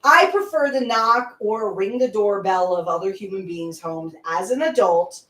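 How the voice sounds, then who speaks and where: A woman co-hosting a casual livestream discussion, animated and teasing. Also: medium pitch, normal speed, recorded from a distance. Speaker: co-host. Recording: echoey room, off the mic.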